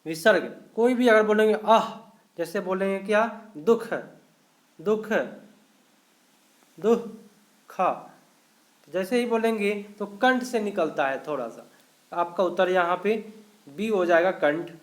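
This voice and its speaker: A man from India teaches a live online grammar class in a high voice, going slowly through each question and explaining every answer step by step.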